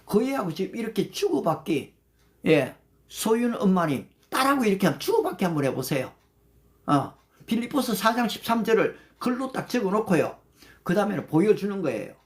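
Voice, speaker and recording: An older man leading a livestreamed prayer meeting, reciting Bible verses slowly in English and thanking viewers by name. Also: high voice, very animated. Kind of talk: livestreamed devotional talk.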